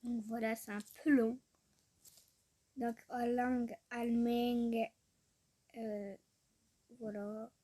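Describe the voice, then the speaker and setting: A young woman chatting casually as a vlogger, trailing off often, giggling, and sounding out foreign words haltingly. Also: on the high side, little pitch movement, dark tone. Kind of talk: casual screen-recorded chat.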